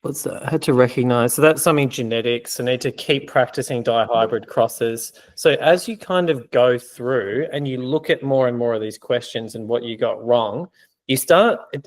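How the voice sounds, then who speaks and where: A man's voice: mid-range voice, moderate pace. A man working as an exam prep tutor, explaining in a conversational way with many fillers during a casual teaching Q&A.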